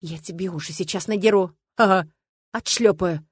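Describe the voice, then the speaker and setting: A woman's voice: lowish voice, moderate pace, breathy edge, dry recording. A woman voicing a skeptical young woman in a read-aloud novel, doubtful and challenging. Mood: playful.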